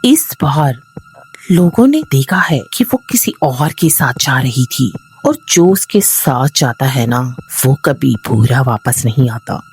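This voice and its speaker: A woman voicing an older man who runs a roadside tea stall, speaking slowly and gravely. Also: extremely low pitch, sing-song, darkish tone, faint music behind, full character voice. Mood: ominous. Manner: slow, grave, ominous.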